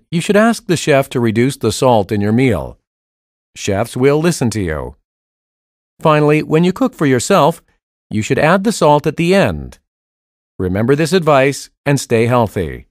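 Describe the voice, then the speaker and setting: A man voicing the male parts of a school listening test with clear, evenly paced delivery. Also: mid-range voice, dry recording. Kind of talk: scripted test dialogue reading. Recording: dry studio recording.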